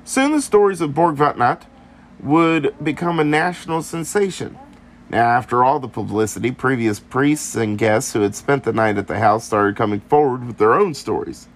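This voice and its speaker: A man's voice: medium pitch, animated, moderate pace, slight background noise. A man co-hosting a podcast, casually retelling a ghost story and slipping into silly voices for the people in it. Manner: playful, drops into silly voices for quoted people. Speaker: podcast co-host.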